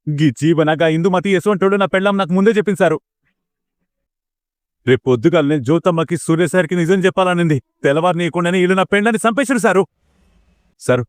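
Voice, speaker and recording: A man's voice: a little high, lively intonation, a little fast, long pauses, no room sound, clean studio sound, lightly acted. A man voicing a vengeful Telangana village father. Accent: Telangana Telugu. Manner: angry, blunt outbursts. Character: hot-tempered village father, grieving and vengeful.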